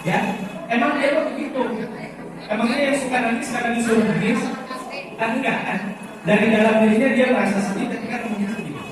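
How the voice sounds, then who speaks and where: A man's voice: very high-pitched, fast, long pauses, crowd noise. A man giving an informal parenting talk to an audience of mothers, chatty and often asking the audience questions. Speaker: parenting seminar speaker. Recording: very echoey hall, distant voice, background noise.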